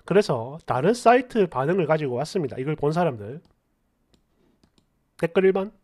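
A woman's voice: deep voice, sing-song, brisk, warm tone. A woman reading out online posts and comments with sarcastic, scolding commentary.

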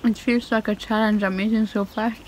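A woman laughs her way through short, simple remarks while eating a popsicle, so her speech comes out muffled and cold-mouthed. Her voice sits at a middle pitch for a woman. Faint birdsong and open-air ambience sit behind her outdoors. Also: little pitch movement, normal speed, darkish tone, a little hiss or hum. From Norway. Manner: giggly, short simple sentences. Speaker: mukbang co-host. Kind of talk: casual eating chat. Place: outdoors on a warm day.

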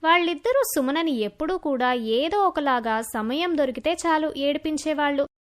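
Woman narrator, very high voice, expressive storybook reading. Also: moderate pace. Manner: expressive, voices a young girl with a raised pitch.

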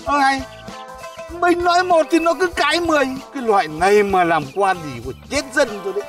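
A man's voice: very high voice, fairly quick, soft background music. A man plays a blustering, hot-tempered retired village mandarin in a folk comedy. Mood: grumbling. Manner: pompous, bossy, shouting threats.

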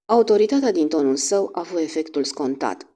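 A woman narrating a classic detective audiobook with a measured, expressive reading. Her voice is low and dark, and her pitch moves in wide, lively arcs. The delivery is steady and scripted.

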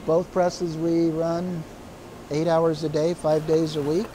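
A man walks visitors through a busy print shop, talking at an unhurried pace with frequent pauses. His voice is mellow and sits a little high, and faint machine hum runs underneath. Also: level tone, rough recording. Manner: slow, explanatory, with pauses and fillers. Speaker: print shop manager giving a tour. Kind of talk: guided facility tour narration.

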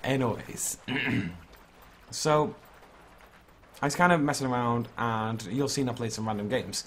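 Hungover, slightly hoarse man rambling casually. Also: medium pitch, measured pace, a bit bright. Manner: informal, rambling, self-critical. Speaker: gaming video creator. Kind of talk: casual vlog chat over gameplay. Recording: clearly noisy background ambience.

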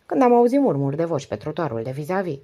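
A weary, devoted wife in her late forties pours out long, flowing confidences, read by a woman narrator. Her voice is low and mellow. A husky grain runs through it. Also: sing-song. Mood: confiding. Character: 48-year-old wife, talkative, devoted, weary.

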